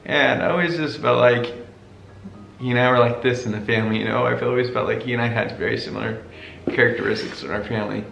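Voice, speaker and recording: A man's voice: mid-range voice, fairly even intonation, quick pace, vocal fry, a bit bright. A man talking to viewers in a heartfelt, personal way, earnest and emotional. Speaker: family vlog host. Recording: roomy echo, music behind.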